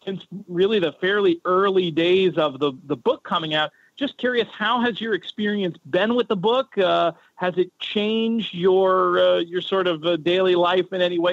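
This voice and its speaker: Man, podcast host, chatty and rambling, tinny phone sound, slightly high voice, dry. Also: no echo. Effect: tinny cell phone sound. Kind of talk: casual podcast talk. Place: home in a city neighborhood. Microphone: cell phone held to the head. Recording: tinny, dull cell phone audio.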